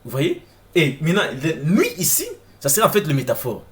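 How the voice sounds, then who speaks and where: Here the online lecture presenter's voice is a little high and swoops wildly in pitch as he talks fairly quickly. He explains informally over on-screen text, asking viewers questions directly and repeating words as he gropes for them, with slight hiss or hum in the background.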